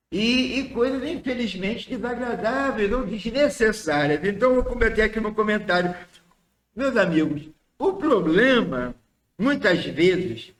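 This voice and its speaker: A man's voice: high-pitched, fairly bright tone, echoey room. A Brazilian man giving an informal spiritist lecture, chatty and full of questions and asides to his listeners. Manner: conversational, asks the audience questions, asides and quick quips.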